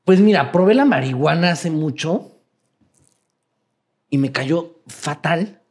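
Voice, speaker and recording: Mexican man, fairly high voice, animated storyteller who swears freely and acts out what others said. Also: slow, husky. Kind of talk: casual storytelling chat.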